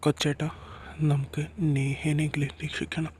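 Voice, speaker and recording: A man acting out dialogue in an audio drama story in a flat, matter-of-fact official tone. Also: on the high side, moderate pace, slightly rough, no room sound. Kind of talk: acted dialogue in a fan-fiction audio story.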